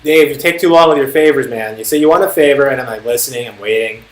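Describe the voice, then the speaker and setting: A man's voice: medium pitch, quick pace, slight background noise. A young man chatting casually on a live stream, telling a rambling, profane story as a tutor. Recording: faint music behind. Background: faint music.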